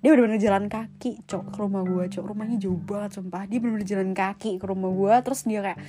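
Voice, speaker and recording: A woman's voice: mid-range voice, fairly even intonation, quick pace. A young woman hosting a casual podcast, telling a personal story in slangy, chatty speech full of swearing. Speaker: podcast host. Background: faint guitar music.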